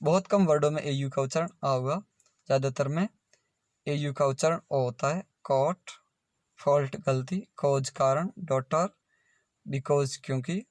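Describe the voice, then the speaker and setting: Slow, spelling-out male English tutor. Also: on the high side, no echo. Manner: spells words letter by letter, then says them slowly. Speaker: English pronunciation teacher. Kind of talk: slow spelling-and-pronunciation lesson.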